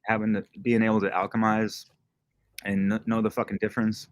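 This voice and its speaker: A man's voice: on the low side, level tone, fairly quick. A man who is a guest DJ and podcaster, talking in a laid-back, slangy way and swearing freely. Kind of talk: casual livestream chat.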